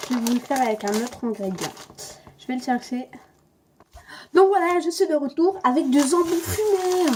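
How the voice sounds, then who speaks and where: A woman's voice: high voice, very noisy. A young woman giving a playful, chatty home cooking demonstration in her kitchen, talking to the viewer and to herself. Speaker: cooking vlogger. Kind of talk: casual home cooking demo. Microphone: camera mic propped on a stand.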